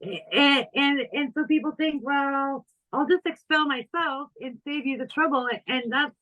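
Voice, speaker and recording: A woman's voice: sits high, unhurried. A woman hosting a podcast conversation, thinking aloud in a casual way with small restarts. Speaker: podcast host. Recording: dull, muffled lo-fi sound.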